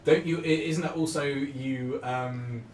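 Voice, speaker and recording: A man's voice: mid-range voice, fairly even intonation, unhurried, faint music behind. A man improvising as game master in a tabletop game, phrasing things hesitantly and piece by piece. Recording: echoey room, distant mic, clear noise.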